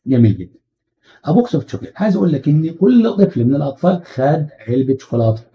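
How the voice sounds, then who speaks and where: A man's voice: fairly high pitch, highs cut off. Egyptian man teaching English grammar. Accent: Egyptian Arabic. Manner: animated, rhetorical questions, slow stressed English phrases. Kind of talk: exam-prep grammar lesson.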